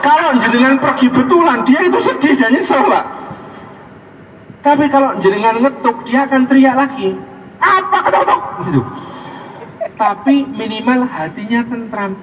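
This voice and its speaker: A middle-aged man delivers a joking sermon and keeps turning to the men in the crowd. His voice sits high for a man. He was recorded from across a large hall with a long echo, and the sound is dull. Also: moderate pace, far from the mic, slight background noise. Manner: jokey, addresses the men in the audience directly. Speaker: preacher. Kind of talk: humorous sermon.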